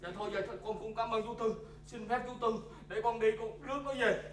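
An actor playing a bumbling, pleading drunkard husband in a stage comedy sketch. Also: male voice, high voice, quick pace, echoey room, heavy background noise, natural voice. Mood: anxious. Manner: wailing, pleading, excitable. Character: bumbling drunkard husband, middle-aged man.

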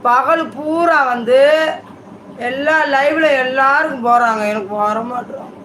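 A woman's voice: high voice, measured pace, a bit bright. Older woman live streaming, singsong, in echoey room. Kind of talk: casual live stream chat with viewers. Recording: echoey room with faint background noise.

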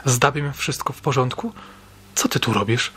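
A man's voice: medium pitch, moderate pace, pushed and bright, breathy edge. A man voicing a worried mother who speaks in clipped, tense words through clenched teeth, in an audiobook. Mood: anxious. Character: anxious mother turning icy and furious.

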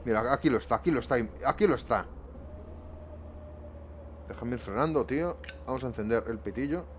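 A man's voice: medium pitch, expressive, fairly quick, background noise. A man commentating his bus-driving gameplay live home, swearing often and grumbling to his viewers. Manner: swearing, exasperated, talking to viewers. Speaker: gaming YouTuber. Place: home room.

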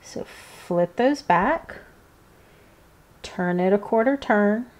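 A woman giving informal, hands-on step-by-step craft instruction, pausing between steps. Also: mid-range voice, animated, a little mellow. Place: indoors, seated at a work table.

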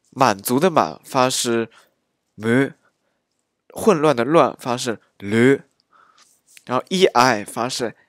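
A man walks through dialect sounds one by one in a very slow, halting way, often pausing on filler sounds. His voice sits at a middling pitch. The recording is dry and close, with no room sound. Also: no echo. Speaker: dialect teacher. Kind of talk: pronunciation lesson.

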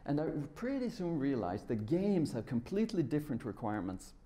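In a large lecture room full of seated listeners, a Swedish software developer in middle age speaks at a tech conference. His style is relaxed and chatty, his mid-range voice warm and sing-song, and his delivery brisk.

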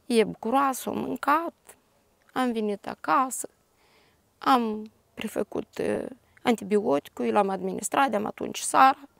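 Older moldovan lady, really gravelly voice, dry sound, halting grieving testimony. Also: a little high, a bit bright, no echo. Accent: Moldovan Romanian. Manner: halting, detailed retelling with restarts. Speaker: grieving grandmother. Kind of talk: personal testimony.

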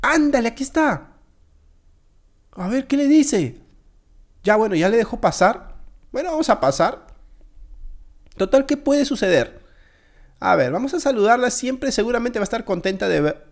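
Excitable man commentating a game. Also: very high-pitched, normal speed, pauses often. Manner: jokey, excitable, talks straight to viewers. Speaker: gaming video creator. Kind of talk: casual gameplay commentary.

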